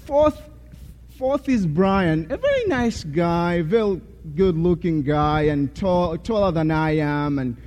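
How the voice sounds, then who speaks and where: A man's voice: on the high side, expressive, slow pace. Zambian man speaking in an echoing chapel. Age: young adult. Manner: warm, self-deprecating, with many fillers. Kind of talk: chapel testimony. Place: college chapel. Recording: hall with long reverb.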